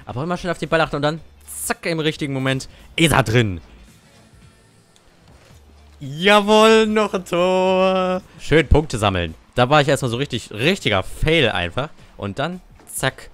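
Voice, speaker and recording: A man's voice: mid-range voice, lively intonation, a little fast, few pauses, fairly bright tone, faint music behind. A young man giving casual gameplay commentary, cursing and ranting at his teammates. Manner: salty, swears and rants at teammates. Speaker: gamer.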